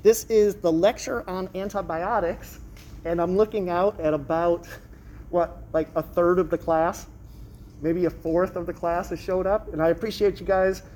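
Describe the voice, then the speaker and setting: Woman lecturing through a face mask, mellow. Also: lowish voice, steady tone, normal speed. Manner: explanatory, checks understanding with questions. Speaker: college lecturer. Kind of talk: classroom lecture on microbiology. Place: classroom in front of students. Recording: noisy live classroom recording.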